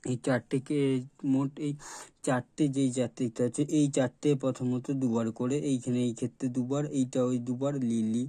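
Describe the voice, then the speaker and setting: A man's voice: medium pitch, level tone, moderate pace, warm tone, dry recording. A man with a Bengali accent teaching letters in a casual lesson, repeating sounds and pointing at each letter as he goes. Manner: plain, repetitive, stops to point at letters. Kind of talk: explaining letters at a board.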